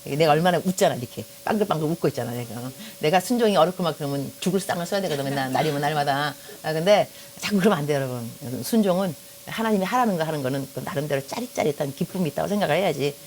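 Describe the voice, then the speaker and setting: Middle-aged female pastor from Korea, lower register, rapid delivery, chatty anecdotal sermon that speaks straight to the congregation. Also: slight background noise. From South Korea. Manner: lively storytelling, joking, addresses the audience directly.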